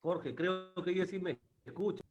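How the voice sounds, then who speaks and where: A man's voice: sits high, fairly even intonation, normal speed, darkish tone. A man, calling into a talk show on a choppy, breaking-up connection and pressing to get a question answered. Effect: choppy, breaking-up call connection. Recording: muffled, distant call line.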